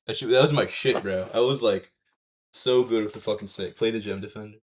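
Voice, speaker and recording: A man hosting a casual gaming livestream in hyped gamer-bro talk full of swearing and slang, with a slightly husky voice. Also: on the low side, fairly quick, slight background noise. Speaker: live streamer hosting a game stream.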